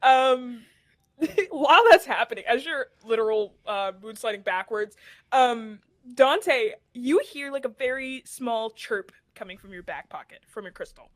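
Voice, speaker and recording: Higher-voiced woman game master, giggly and casual, dry close sound. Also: animated, measured pace, no room sound. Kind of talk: tabletop game narration.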